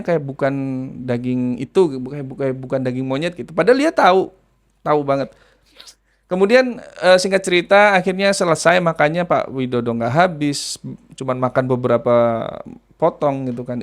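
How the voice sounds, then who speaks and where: A man telling a true supernatural story in casual chat, animated and shifting between hushed and loud delivery. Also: a little high, moderate pace. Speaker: storyteller recounting an exorcism. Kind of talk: conversational storytelling.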